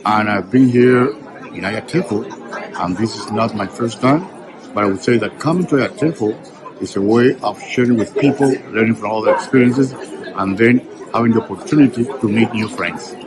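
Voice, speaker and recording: A man, a teachers association leader, speaking in a measured, deliberate way. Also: lowish voice, background noise. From Cuba. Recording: crowded conference hall.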